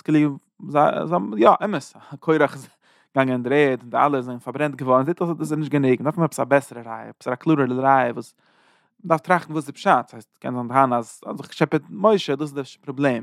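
A man giving an informal Torah lesson, speaking emphatically and jumping up in pitch on key points. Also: fairly quick, gravelly, dry recording, studio quality. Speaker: Torah teacher.

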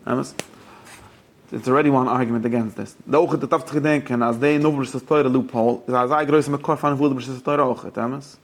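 Ein Mann hält einen lebhaften Lehrvortrag über religiöses Recht, mischt Deutsch, Englisch und Jiddisch und stellt seinen Zuhörern Fragen. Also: male voice, medium pitch, steady tone, a little fast. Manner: mixes German, English and Yiddish with rabbinic terms; poses questions to listeners. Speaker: teacher of religious law. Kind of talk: lively study-hall lecture.

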